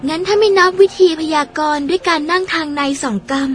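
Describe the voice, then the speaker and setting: A woman voicing a chatty, spirited young woman in an audio drama. She talks in a lively, polite, gossipy way and is quick to get indignant. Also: extremely high pitch, faint music behind.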